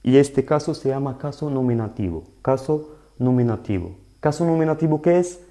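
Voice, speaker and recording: A man teaching a live online lesson in Spanish, explaining slowly and patiently and often checking that his students follow. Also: medium pitch, expressive, mellow. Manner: slow, patient explaining with frequent "¿vale?" checks. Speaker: Arabic teacher.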